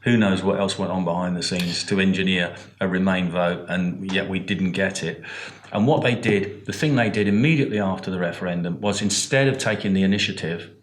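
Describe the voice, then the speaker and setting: A man with a very deep voice making quick, emphatic points on a political panel. The room is echoey, with a faint hiss behind him. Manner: brisk and emphatic. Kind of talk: political discussion.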